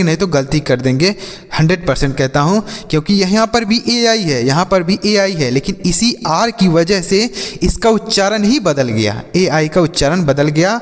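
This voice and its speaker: A man's voice: fairly high pitch, long reverb tail. A man teaching English pronunciation, spelling words out letter by letter and asking then answering his own questions.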